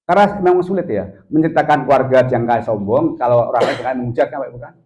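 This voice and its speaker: A man's voice: medium pitch, racing, a little mellow, rough recording. A middle-aged man giving a parenting seminar as a professor, joking with the audience, laughing and asking them questions. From Indonesia. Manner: playful, teasing, often laughing with the audience. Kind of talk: lively seminar talk with jokes and audience questions.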